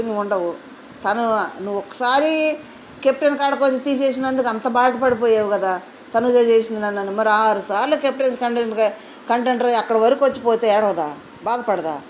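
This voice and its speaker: Woman reviewer, high voice, indignant, rhetorical; crickets faint behind. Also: slight background noise, low-quality recording. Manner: indignant, fires off rhetorical questions. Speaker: reality show reviewer. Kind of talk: opinionated show review.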